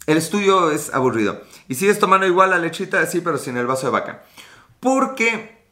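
Man, Mexican accent, late 30s, bright tone, rather high pitch, scattered casual chat. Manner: rambling, scattered, swears often. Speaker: livestream host. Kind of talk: casual live chat reading comments.

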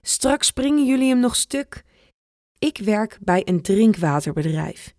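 A woman's voice: mid-range voice, expressive, a little slow, a little mellow, no room sound, studio quality, voice pushed up. A woman voicing a playful, secretive grandfather near retirement who sometimes grumbles, reading a children's storybook aloud. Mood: lively. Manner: cheerful, conspiratorial, sometimes grumbling.

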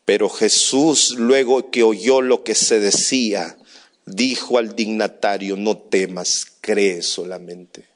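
A man preaching a sermon as a pastor, telling a story in a hushed voice and then shouting his appeals to the church. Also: on the low side, steady tone, takes it slowly.

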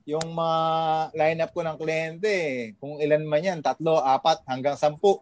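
Here the same kind of speaker, a man from the Philippines who trains people in fitness overseas, talks loosely on a podcast to motivate listeners, leaning on fillers and tag questions. He sounds a little high and a little slow, with a steady, darkish tone.

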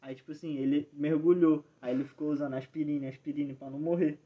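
Young Rio man, quick talker, chiming in with stories. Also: a little high, fairly even intonation, highs cut off. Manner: storytelling, chiming in. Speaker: friend in group chat. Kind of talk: casual crude banter.

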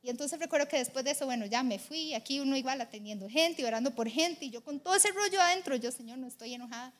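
Young woman preacher, high voice, lively and confessional. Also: fast talker. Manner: animated and confessional, shifting between loud and hushed. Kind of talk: sermon.

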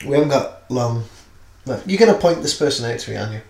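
A man's voice: mid-range voice, expressive, fast talker, gravelly, darkish tone, reverberant. A man playing a nervous groom in improvised comedy banter, often bemused. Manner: laughing, bemused.

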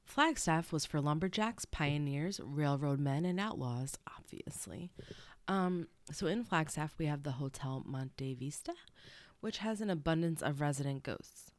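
A woman's voice: deep voice, expressive, unhurried, dry recording. A young woman hosting a casual podcast, chatty and rambling with side stories, her nose stuffy. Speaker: podcast host. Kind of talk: casual solo podcast chat.

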